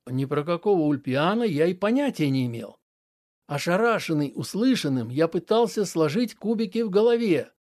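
A man narrating a story in a measured, steady audiobook style. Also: a little high.

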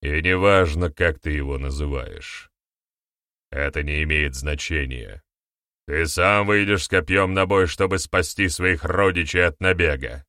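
A man's voice: rumbling low, unhurried, smooth, no room sound, studio quality, heavily acted. A man voicing a stern, barking warrior-chief. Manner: forceful, emphatic, barking orders. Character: stern young male warrior-chief, commanding. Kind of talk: audiobook character voice.

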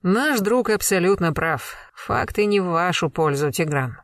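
A stern former colonel pressing a suspect, voiced by an audiobook reader. Measured, cold and relentless, with a commanding edge. Dry, close sound. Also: mid-range voice, lively intonation, no room sound. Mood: accusing. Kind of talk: audiobook character reading.

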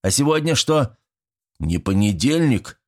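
A man voicing a big, slow-witted young man who mumbles in confusion. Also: mid-range voice, big pitch swings, a little mellow, pitched above the performer's own voice. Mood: confused. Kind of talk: audiobook character voice.

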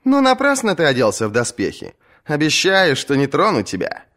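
A man's voice: fairly high pitch, wildly swooping pitch, normal speed, a bit bright, voice pushed up. A man voicing a fierce young female sea captain who taunts her rivals, in an audiobook reading. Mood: defiant mocking. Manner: mocking, taunting, commanding.

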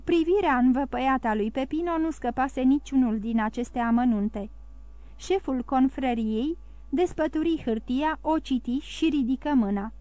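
A woman narrating an audiobook in a steady, even storytelling manner. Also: sits high, dry recording. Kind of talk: scripted narration.

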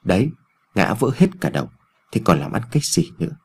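A man's voice: deep voice, sing-song, a little fast, husky, voice pushed down, exaggerated voice. A man voicing a bossy older village wife who scolds and nags, in a narrated ghost story. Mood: scolding. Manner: brusque, nagging.

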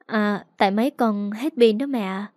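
A woman's voice: mid-range voice, normal speed, darkish tone, no echo, studio quality, close to an everyday voice. A woman voicing an aloof young woman who answers tersely.

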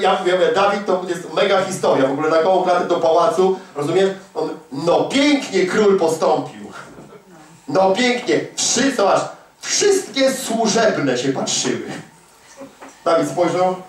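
A man preaching a fervent, emphatic sermon full of rhetorical questions. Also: high-pitched. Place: large echoey prayer hall. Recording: echoey hall recording from far off.

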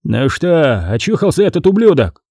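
A man voicing a menacing, contemptuous gang boss in an audiobook, talking roughly. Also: a little high, sing-song, normal speed, warm tone, no room sound, studio quality, pitched above the performer's own voice. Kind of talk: audiobook character voice.

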